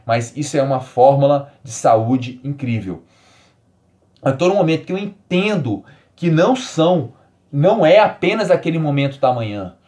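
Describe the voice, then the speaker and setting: A man in his forties from Brazil, hosting a solo health podcast and explaining ideas with emphatic repetition, then easing into calm, soft phrasing. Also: on the high side, normal speed. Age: 40s. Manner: animated, emphatic, repeats key words, drops to calm soft tones. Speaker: podcast host.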